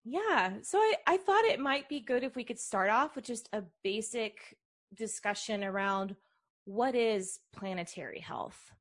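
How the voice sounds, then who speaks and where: A woman hosting an interview show, reading a smooth scripted introduction and then chatting loosely with fillers. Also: a little high, animated, measured pace. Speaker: podcast host.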